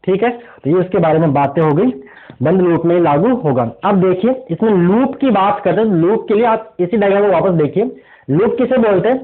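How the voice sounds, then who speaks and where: High-voiced male teacher on tinny audio. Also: animated, brisk. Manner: explains step by step, poses rhetorical questions to students. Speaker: physics teacher. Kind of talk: exam revision lecture at a board.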